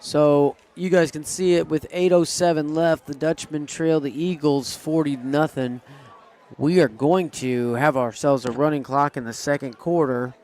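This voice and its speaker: A man's voice: a little high, steady tone, moderate pace, darkish tone. A man doing live play-by-play commentary on a school football game, eager and groaning when plays go wrong. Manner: eager, pleads with referees, groans at setbacks.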